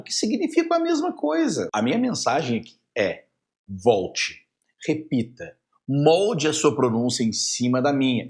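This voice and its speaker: A man with a Brazilian accent, a native Portuguese speaker, teaching an online English lesson in a lively way and drilling phrases for the viewer to repeat. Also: medium pitch.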